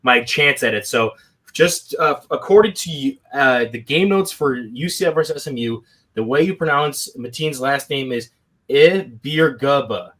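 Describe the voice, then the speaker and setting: A man co-hosts a football draft podcast, explaining a prospect in a mid-pitched, conversational voice. His explanations run long, strung together with fillers. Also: moderate pace, fairly bright tone. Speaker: podcast co-host. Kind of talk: podcast scouting talk.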